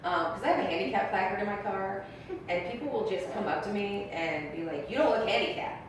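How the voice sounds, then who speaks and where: Young woman doing crude stand-up, lots of ums and likes, echoey room, mic way off. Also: fairly quick. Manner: blunt, crude and brash, with many ums and likes. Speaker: stand-up comedian. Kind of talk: stand-up set. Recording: echoey room, mic far off, faint rumble.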